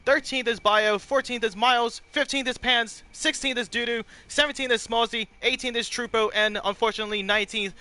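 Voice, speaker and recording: A man's voice: extremely high pitch, steady tone, fairly quick, few pauses, sharp tone. A man co-hosting a racing stream with casual commentary, explaining things in an encouraging way. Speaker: co-host and race commentator.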